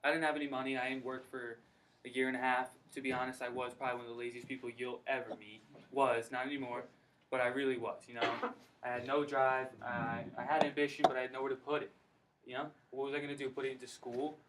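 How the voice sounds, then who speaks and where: A young man giving an energetic, slangy personal testimony at a recruiting meeting in a college room. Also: medium pitch, fast talker. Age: young adult. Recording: distant mic, faint background noise.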